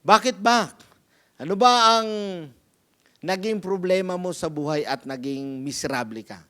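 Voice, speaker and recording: A man voicing a calm, wise old teacher who gives patient counsel in a story within a sermon. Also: sits high, unhurried.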